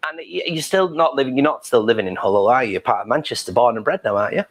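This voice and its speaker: A man's voice: mid-range voice, animated, quick pace. A man hosting an interview in a playful, teasing, camp manner. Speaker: host. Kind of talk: casual interview chat.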